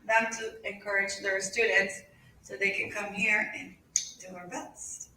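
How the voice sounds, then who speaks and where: A woman's voice: mid-range voice, flat delivery, slow, pushed and bright, slight background noise. A woman teacher talking informally at a school meeting, interpreting and restating points in Spanish and English. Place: indoor school meeting room. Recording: very echoey room, distant mic.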